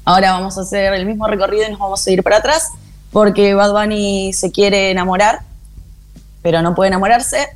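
A woman's voice: medium pitch, brisk. A woman with an Argentine accent co-hosting a radio show, chatting casually and animatedly in slang. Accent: Argentine Spanish. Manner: animated, slangy, acts out lyrics. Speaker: radio co-host.

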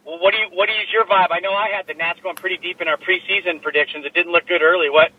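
A man co-hosting a casual sports chat over a low quality remote stream from a laptop in his car, talking in a joking, chatty way with plenty of filler words. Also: steady tone, fast, phone-quality sound, slight background noise. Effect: low quality remote stream audio. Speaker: sports podcast co-host. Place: inside a parked car. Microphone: laptop microphone.

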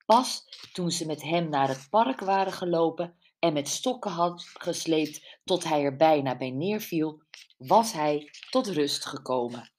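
A woman narrating a mystery audiobook in a calm, measured way. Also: low-pitched, slight background noise. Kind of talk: scripted narration.

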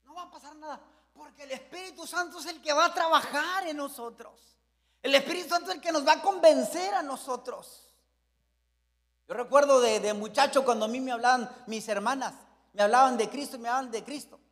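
A man preaching a fervent Pentecostal sermon, swinging between shouts and hushed storytelling. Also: very high-pitched, brisk, in a large hall. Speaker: pastor.

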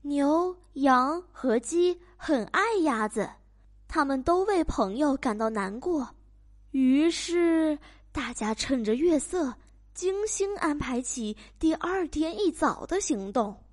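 A woman reads a children's storybook aloud with a high voice. Her pitch leaps and dips expressively, and she takes her time over each line. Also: slow. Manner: expressive, with animal sound effects.

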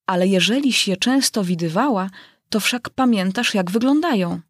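A woman's voice: medium pitch, expressive, moderate pace, breathy edge, no room sound, clean studio sound. A woman voicing a melancholy male mock turtle creature who sighs and talks mournfully.

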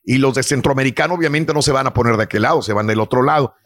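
A man's voice: mid-range voice, rapid-fire, fairly bright tone, no room sound. A man from Mexico hosting a morning radio show, chatting in a loose, digressive way and laughing easily. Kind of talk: casual morning radio chat.

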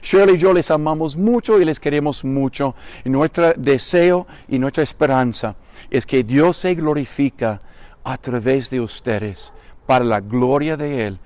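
An older male pastor greets his congregation in a recorded sermon, preaching emphatically outdoors on a vacant lot and leaning on rhetorical repetition. He speaks with a Chilean Spanish accent blended with Mexican, in a mid-range, slightly mellow voice with no echo.

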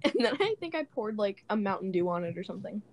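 A woman's voice: medium pitch, very animated, quick pace. A woman co-hosting a casual chat podcast, telling rambling stories with lots of giggles. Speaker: podcast co-host.

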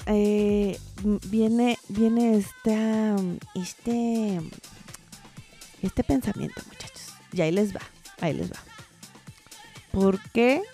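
A woman's voice: medium pitch, warm tone. A woman with a Mexican accent hosting a podcast as a casual, colloquial monologue, with playful asides to her listeners. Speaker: podcast host.

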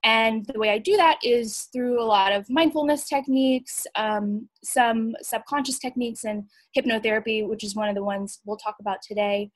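A Bulgarian woman, a writer and coach, speaks as a guest on a podcast in a casual interview, thoughtful and hesitant with many fillers. Her voice is on the high side with fairly even intonation, a moderate pace and few pauses, and the recording is dry.

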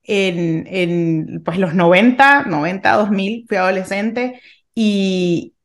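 A Venezuelan woman in her thirties co-hosts a podcast, reflecting casually on a faith topic and thinking aloud, often restarting her sentences. She speaks slowly at a medium pitch.

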